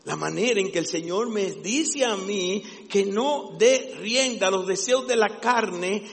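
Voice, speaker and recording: Fervent high-voiced male preacher, gravelly. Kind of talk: sermon. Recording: long echo of a large hall.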